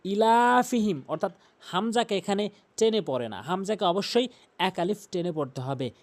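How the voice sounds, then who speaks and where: A man's voice: high-pitched, animated. A man teaching tajweed pronunciation, explaining common mistakes and drawing out the recited words, repeating each sound several times. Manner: drawn-out chanted recitation of example words between explanations.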